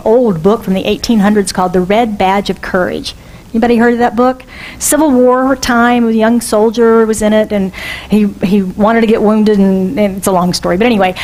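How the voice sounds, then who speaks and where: Woman minister, fairly high voice, chatty sermon, questions to the congregation. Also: darkish tone, low-quality recording. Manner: conversational, asks the congregation questions. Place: church sanctuary.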